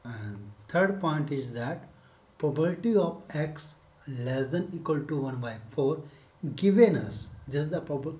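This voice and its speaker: A man teaching a maths lesson step by step, dictating notation symbol by symbol in short, halting phrases. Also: medium pitch, darkish tone. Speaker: mathematics teacher. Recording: echoey room, dull muffled sound.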